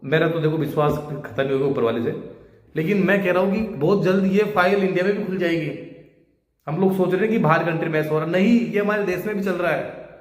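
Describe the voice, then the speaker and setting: A man's voice: sits high, quick pace. Impassioned man in an echoey room. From India. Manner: urgent, pleading, rhetorical appeals. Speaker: social media creator. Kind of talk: impassioned monologue to camera. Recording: echoey room with long reverb.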